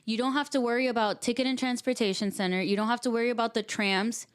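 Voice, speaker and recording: A woman's voice: on the high side, fairly even intonation, fast talker, clean tone. A woman co-hosting a casual podcast, teasing her partner and finishing his sentences. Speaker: podcast co-host.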